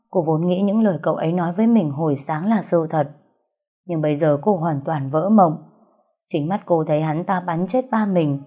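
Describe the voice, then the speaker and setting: Female storyteller, steady reading, low pitch, soft dark tone. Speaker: audiobook narrator. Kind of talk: storytelling narration.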